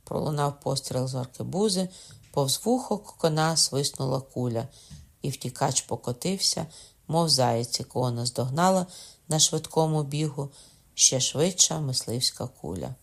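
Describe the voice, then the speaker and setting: A man narrating a historical novel audiobook in a steady storytelling manner. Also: medium pitch, normal speed, creaky. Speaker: audiobook reader. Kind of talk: scripted narration.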